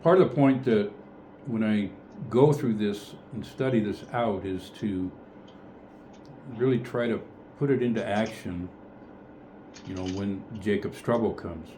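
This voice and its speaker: Mellow low-voiced man leading a Bible study. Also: measured pace, a little hiss or hum. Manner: tentative, thinking aloud, self-correcting. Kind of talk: casual group Bible study discussion.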